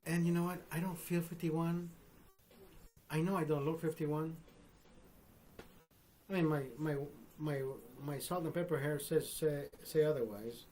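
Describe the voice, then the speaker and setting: A man's voice: fairly high pitch, fairly even intonation, measured pace, long pauses, a little mellow, a little hiss or hum. A man in his fifties hosting a live stream, telling a long dirty joke in loose, profane casual talk, often laughing and adding "bro" and "right?". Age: 50s. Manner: laughs often between lines.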